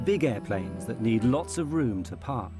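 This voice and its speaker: A man narrating a documentary in a measured, dramatic scripted delivery. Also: medium pitch, expressive, gravelly. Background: music.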